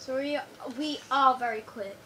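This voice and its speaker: A girl's high voice comes across pushed, bright and slightly croaky as she co-hosts a building game, chatting fast and repeating words in a hurry. The casual gameplay talk happens in front of a living-room TV. The phone camera filming the screen yields far-off audio with room noise.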